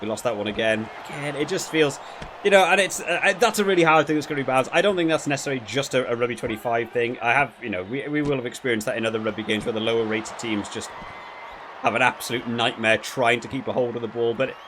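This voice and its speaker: Playing through a video game, a man reviews it for his channel, critical and casual, his thoughts coming out in halting, repeated bits. His voice is medium-pitched, with faint noise in the background.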